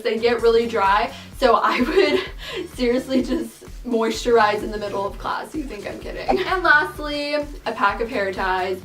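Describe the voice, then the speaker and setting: A woman's voice: on the high side, a bit bright. An eighteen-year-old woman vlogging casually to camera, chatty and upbeat, full of casual fillers. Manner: chatty, upbeat, lots of "like" and "I really like". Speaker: beauty and lifestyle YouTuber. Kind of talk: casual vlog talk to camera. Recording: roomy sound, mic at a distance, light music behind.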